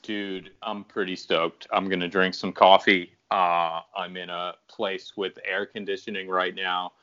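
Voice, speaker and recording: A man's voice: low voice, little pitch movement, a little slow, a bit bright. A man hosting a podcast in casual chat, joking and laughing as he talks. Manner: jokey and laughing. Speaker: podcast host. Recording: dull lo-fi sound.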